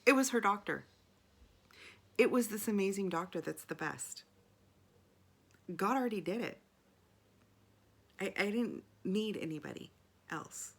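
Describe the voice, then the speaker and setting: A woman's voice: mid-range voice, animated, a little slow, vocal fry, pauses often. A middle-aged woman speaking candidly and from the heart in a personal video diary, often restarting her sentences. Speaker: video journal host.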